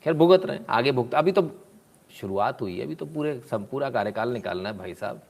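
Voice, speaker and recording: A man giving casual, sarcastic live commentary, with mocking asides and frequent throat clearing. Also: mid-range voice, lively intonation, brisk, a little mellow. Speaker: political commentator.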